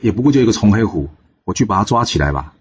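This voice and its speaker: A man voicing a proud, quick-tempered male officer who talks in a boastful, indignant way. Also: on the low side, very animated, dull audio, slight background noise.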